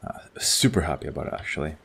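A man with a notably low-pitched voice talks through a video game in a casual let's-play style. He is excitable and chatty, thinking out loud as he explores. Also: fast talker, creaky, slightly rough. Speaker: gaming channel host.

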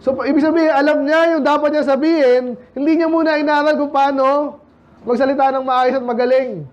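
With an extremely high pitch and fairly even intonation, this Filipino pastor moves briskly through a conversational sermon, and the recording has its highs cut off. He regularly questions the congregation and drops English scripture quotes into his Tagalog.

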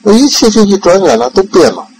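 A man's voice: high-pitched, sing-song, fast, darkish tone, slight background noise, rough recording. An older man giving an informal Buddhist dharma talk, rambling with repeated words and fillers. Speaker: Buddhist lay teacher.

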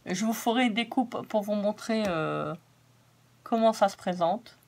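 A woman with a hoarse voice chatting casually through a craft-supply haul, repeating words for emphasis as she shows each item. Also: mid-range voice, a little slow, a little mellow. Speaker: craft vlogger.

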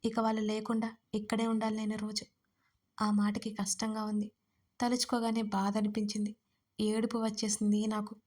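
A woman narrating a first-person audio story, expressive in the dialogue. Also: mid-range voice, normal speed.

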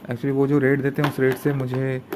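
A man's voice: mid-range voice, completely flat delivery, moderate pace. Hesitant man unboxing gear on phone. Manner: hesitant, many fillers and restarts. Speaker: vlogger unboxing camping gear. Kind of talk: casual unboxing talk. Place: indoor room at a table. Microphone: handheld phone camera pointed at the table. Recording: noisy phone recording with room hiss.

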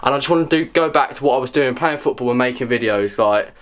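A man's voice: mid-range voice, fast, fairly bright tone. A young man, chatting casually to camera in a sweary, rambling, self-mocking way, at times out of breath. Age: young adult. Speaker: vlogger. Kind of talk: casual vlog chat.

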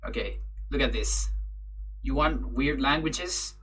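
A young man whose first language is Spanish chats casually with stream viewers from his bedroom, rambling and correcting himself in English and laughing easily. He has a medium-pitched voice and speaks slowly, with a noisy background.

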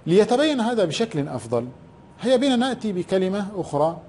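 High-voiced man teaching Arabic spelling. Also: big pitch swings, a little mellow, slight background noise. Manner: asks questions and answers them himself, drawls key words slowly. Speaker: primary school Arabic teacher. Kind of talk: recorded classroom lesson.

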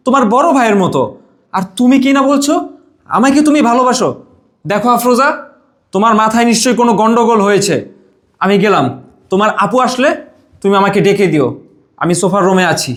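A man's voice: extremely high pitch, fast talker, pauses often, a bit bright. A man playing an indignant, upright husband. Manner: scolding, indignant. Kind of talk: short film acting.

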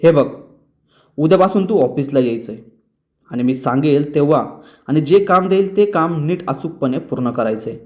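A man's voice: a little high, animated, normal speed, darkish tone, natural voice. A man reading the lines of a stern middle-aged father who scolds his family. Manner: scolding, commanding.

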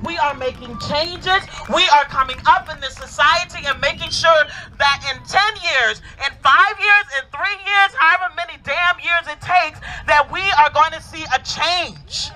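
A woman's voice: very high voice, moderate pace, few pauses. A woman giving a fervent, emphatic speech to a crowd at an outdoor protest, building her points through repetition. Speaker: rally speaker. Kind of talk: impassioned public speech. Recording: noisy outdoor street recording.

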